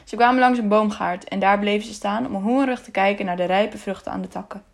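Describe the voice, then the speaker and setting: A woman narrating a children's novel as an audiobook in a calm, measured way. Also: medium pitch, creaky.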